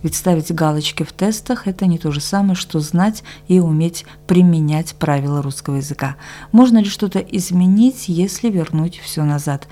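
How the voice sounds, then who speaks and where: A woman presenter reading a scripted news introduction in an even, read-out delivery. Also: lowish voice, normal speed.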